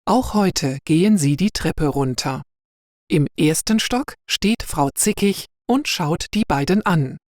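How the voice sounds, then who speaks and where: A woman narrating a story slowly and clearly for language learners. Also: lowish voice, expressive, darkish tone, no room sound, studio quality. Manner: clear and deliberate.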